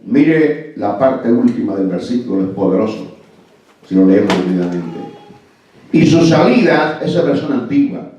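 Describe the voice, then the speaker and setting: With a fairly high, mellow voice, a Salvadoran pastor gives an emphatic sermon, punctuating it often with "amén" and "¿verdad?". The sound is distant and muffled, with strong church echo.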